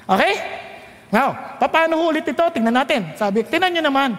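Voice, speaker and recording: A man with a Filipino accent preaches to his congregation in a high, carrying voice. The sound rings with the long reverb of a large hall. He asks his listeners questions, reads verses slowly and low, and lifts to a near shout when he presses a point. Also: lively intonation. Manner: quizzes the congregation, reads scripture slowly and low, rises loud when urging. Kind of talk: sermon.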